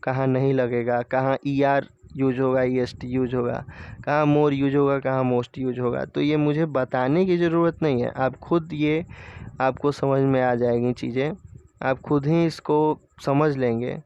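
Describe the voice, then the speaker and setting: Patient male grammar teacher, smooth voice. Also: medium pitch, level tone, measured pace, dry recording, highs cut off. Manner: patient, repeats key points. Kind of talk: explaining lesson in Hindi.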